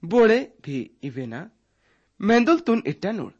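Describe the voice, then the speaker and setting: A man preaching a Bible teaching, listing items slowly and calling his listeners dear brothers. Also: high-pitched, big pitch swings, a little mellow, husky, lo-fi sound.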